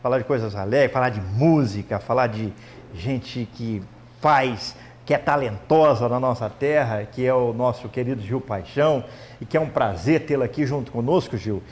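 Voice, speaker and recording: A man's voice: mid-range voice, normal speed, a little mellow. A man hosting a local TV talk show, friendly and upbeat as he steers the interview. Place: local TV studio.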